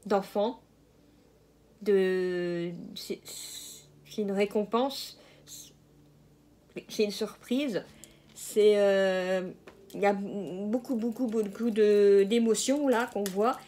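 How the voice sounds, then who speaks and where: Woman, tarot card reader, slow pace, hesitant, lots of fillers, casual reading. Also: mid-range voice, fairly even intonation, mellow. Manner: hesitant, many fillers and restarts, laughs at own jokes.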